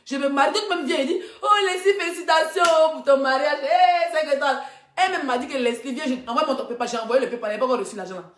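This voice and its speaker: A woman blogger in a live social media rant, loud and mocking, often laughing as she talks. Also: high voice, racing, echoey room, slight background noise. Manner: mocking, loud, laughing through her talk. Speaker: blogger and influencer.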